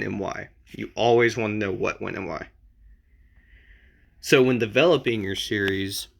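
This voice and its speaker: With a lowish voice that shows vocal fry and a bit of brightness, a man gives casual advice as an amateur video creator. His explanation is informal, halting and repetitive.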